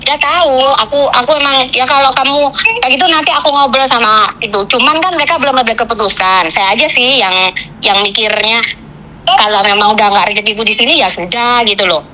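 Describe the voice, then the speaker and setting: Woman caller, high and bright, rushed venting. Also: a little hiss or hum, low-quality recording. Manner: venting, tells a story in rushed fragments with Javanese fillers. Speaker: caller, migrant domestic worker. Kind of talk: casual chat.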